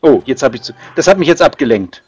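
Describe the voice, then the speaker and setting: A man playing a game with a friend in casual banter, calling out directions over and over in a lively voice. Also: medium pitch. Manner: lively, shouts out directions in rapid repeats. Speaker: let's play co-player.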